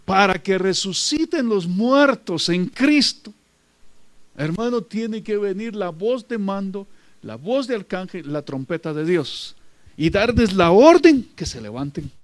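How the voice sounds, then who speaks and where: A man's voice: high-pitched, no echo. A man preaching a sermon, emphatic and repetitive, often addressing his listeners as brother.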